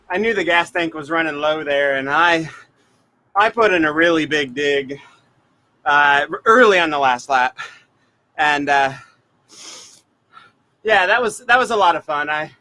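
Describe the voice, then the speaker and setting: A man interviewed after a virtual cycling race, talking through his effort in a halting, easygoing way. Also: a little high, pushed and bright. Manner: halting, with restarts.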